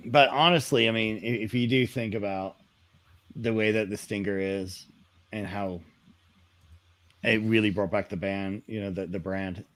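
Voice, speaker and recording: A man's voice: lowish voice, steady tone, moderate pace, long pauses, a bit bright, dry recording. A man co-hosting a casual car podcast, wry and opinionated, often trailing off. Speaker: podcast co-host.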